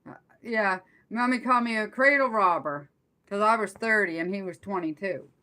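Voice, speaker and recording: Her voice is medium in pitch, bright, and forceful in tone. She's a middle-aged or older woman chatting informally on a live stream, wandering from point to point and halting as ideas fade out partway through.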